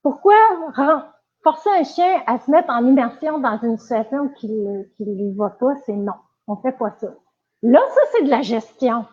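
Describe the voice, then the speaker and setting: A woman's voice: a little high, normal speed, a little mellow, slightly rough. A woman with a Quebec French accent, giving a casual live-stream lesson as a dog trainer, chatty with many fillers and restarts. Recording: tinny phone-like audio.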